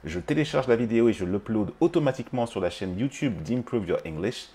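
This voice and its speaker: A man's voice: mid-range voice, expressive, fairly quick, dark tone. A man with a French accent hosting a language-learning video, talking casually to the viewer with many fillers and restarts. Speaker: English-teaching video host. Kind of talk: casual spoken monologue to camera.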